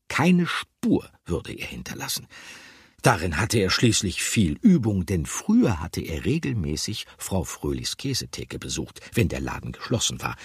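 Husky, expressive male storyteller. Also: sits low, dry recording, clean studio sound. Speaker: narrator. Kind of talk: audiobook narration.

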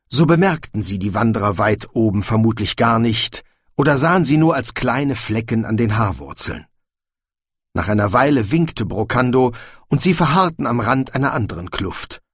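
A male narrator reads a fantasy storybook with a husky voice and lively, expressive intonation. The recording is dry and close. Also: mid-range voice, no room sound. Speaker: audiobook narrator.

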